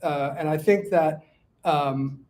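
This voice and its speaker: A man from Denmark, an author answering audience questions in casual academic talk, halting with many restarts and fillers. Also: fairly high pitch, darkish tone.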